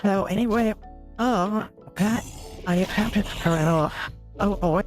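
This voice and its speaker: A woman streamer talking through a voice changer filter, halting and garbled as she rambles. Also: mid-range voice, soft background music, voice pushed down. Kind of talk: casual live-stream chat.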